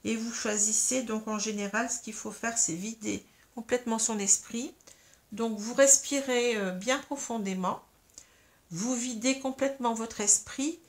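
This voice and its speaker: A woman's voice: fairly high pitch, steady tone, a little slow. A woman giving a tarot reading to her viewers, explaining each step patiently and often adding small fillers as she goes. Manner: patient, explains step by step, frequent "hein" and "euh". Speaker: tarot card reader. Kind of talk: guided tarot reading to camera.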